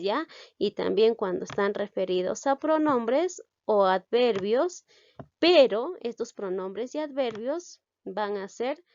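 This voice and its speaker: A woman's voice: mid-range voice, darkish tone, no echo. Woman teacher, patient explaining, dull dry sound. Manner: explains with many checking "¿ya?" tags; reads example sentences with slow emphasis. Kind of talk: grammar lesson.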